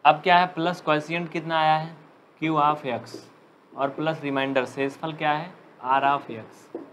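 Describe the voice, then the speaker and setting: A man teaching a live online maths class who jokes with students and dictates slowly. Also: fairly high pitch, flat delivery, a bit bright, a little hiss or hum. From India. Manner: chatty, joking, dictates slowly.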